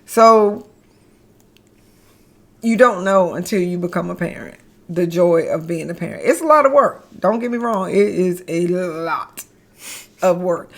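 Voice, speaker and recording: Woman, middle-aged, gravelly voice, playful, emphatic repetition, casual interview chat. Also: medium pitch. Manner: playful, laughs often, repeats words for emphasis. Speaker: guest, mother and business founder.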